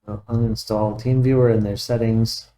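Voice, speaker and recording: A man's voice: fairly low pitch, level tone, moderate pace, warm tone. A man working as a computer repair technician talks through a casual tech walkthrough, methodical and matter-of-fact, thinking aloud as he goes.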